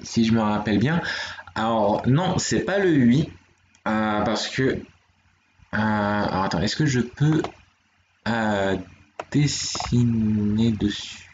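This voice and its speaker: A man explains each letter slowly and patiently, talking to the viewers in his chat. His voice sits at an ordinary pitch. The stream audio is roomy and slightly muffled, with faint background noise. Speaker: streamer teaching Korean writing. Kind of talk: live-streamed language lesson.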